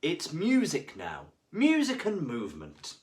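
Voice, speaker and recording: A kind, gentle fish teacher from a storybook, played by a man reading aloud. She coaxes her class in a sing-song lilt, lifted higher than plain talk. Her words come slowly, with lively rises and falls. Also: distant mic, exaggerated voice. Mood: cheerful.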